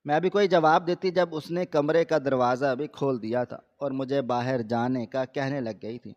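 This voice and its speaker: A man reading a scripted first-person story aloud in a steady, measured way. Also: mid-range voice. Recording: slightly dull lo-fi recording.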